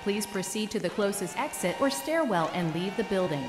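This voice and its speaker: A woman giving polite, steady evacuation instructions over a PA system. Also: medium pitch, fairly quick. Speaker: emergency evacuation announcer. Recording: echoey PA with loud game music.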